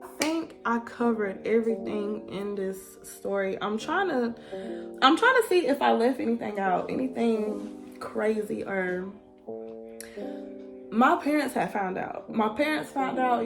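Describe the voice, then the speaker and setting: A young woman vlogger telling a personal story in a casual, animated way, often calling out to her viewers. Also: fairly high pitch. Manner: animated, addresses viewers as y'all.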